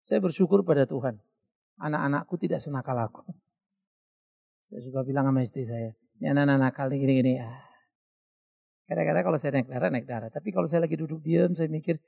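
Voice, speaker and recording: A middle-aged male pastor, preaching a sermon in a lively storytelling way, mimicking voices and laughing at his own stories. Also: fairly high pitch, fast, vocal fry, pauses often, husky.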